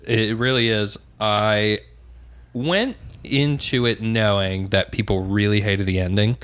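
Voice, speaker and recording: A young man co-hosting a podcast, telling stories and giving opinions in a relaxed, casual way. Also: lowish voice, a little slow, clean tone. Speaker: podcast co-host. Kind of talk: casual chat.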